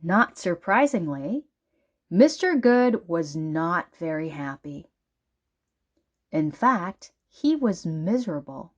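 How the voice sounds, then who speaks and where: A woman reading a children's storybook aloud as narrator, with deliberate, dramatic emphasis. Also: on the low side, very animated, lo-fi sound. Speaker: children's book reader.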